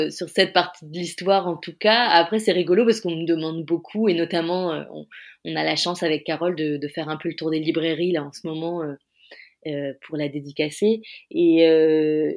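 Casting: female author interviewee, French accent, low-ish register, conversational, feeling her way through sentences. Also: steady tone, normal speed. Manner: hesitant, searching for words.

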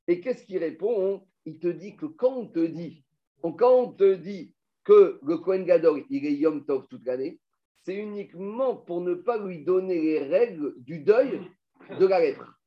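A man's voice: high-pitched, animated, measured pace, highs cut off. A man teaching a Talmud class, explaining step by step and putting questions to his students.

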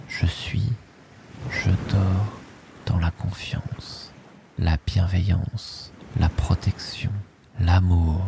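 A man with a low, gravelly voice guides a sleep meditation. His delivery is soft and soothing, drifting in short phrases at a very unhurried pace and often sinking toward a breathy whisper. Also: noisy background.

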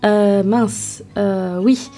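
A woman with a mellow, relaxed voice hosts a chatty podcast over background music. Her delivery is informal and slangy, with hesitations as she looks for words. She drops in self-deprecating asides as she goes. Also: medium pitch, extremely slow. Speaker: podcast host. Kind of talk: casual, chatty solo podcast review.

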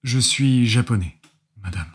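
A middle-aged businessman answers formally and courteously, as a man acts him out. His voice is slightly husky, and his manner is reserved and measured. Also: medium pitch.

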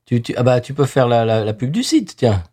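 A man's voice: medium pitch, sing-song, brisk, mellow, husky. A man co-hosting a casual beer-tasting podcast who banters in a playful, teasing way. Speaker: podcast co-host.

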